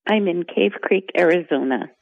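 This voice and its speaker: Woman, 60s, radio show phone caller, gravelly voice, dry muffled phone line. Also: on the low side, normal speed, dry recording. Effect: phone caller heard on a radio show. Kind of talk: casual phone chat with the host.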